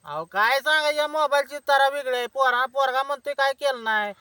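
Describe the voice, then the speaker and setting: Whiny guy on a comedy call, super high sharp voice, dry sound. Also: fairly quick, no echo. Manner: whiny, complaining, loud outbursts. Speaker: caller. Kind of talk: comedy phone sketch.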